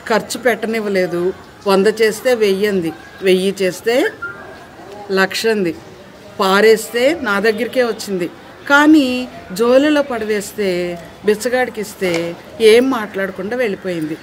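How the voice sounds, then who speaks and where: A woman narrating a children's moral story in a lively, expressive way. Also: medium pitch, normal speed, long pauses, a little hiss or hum.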